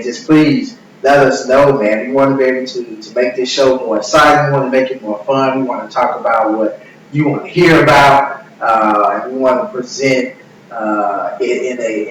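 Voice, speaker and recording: A man's voice: medium pitch, fairly even intonation, moderate pace. Echoey, distant man with a Mississippi accent. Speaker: show co-host. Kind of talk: casual chat. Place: echoey room, away from the mic. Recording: echoey room, distant mic, faint noise.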